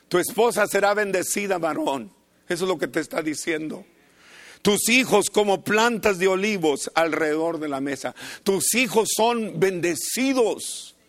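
An older man preaching a fervent sermon, building to shouted peaks. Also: high-pitched. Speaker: pastor.

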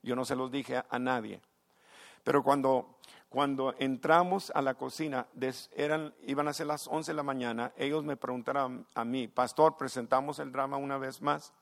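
A male pastor, preaching a fervent sermon that swells into impassioned shouts and keeps calling his listeners "brother". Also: mid-range voice, steady tone, normal speed, vocal fry. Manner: addresses listeners as "hermano".

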